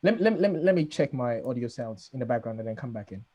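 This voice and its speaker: A man's voice: mid-range voice, animated, quick pace, mellow. A man in a casual podcast chat whose voice comes through muffled, as if through a wall, from a poor microphone. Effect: muffled, as if heard through a wall. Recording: muffled distant mic.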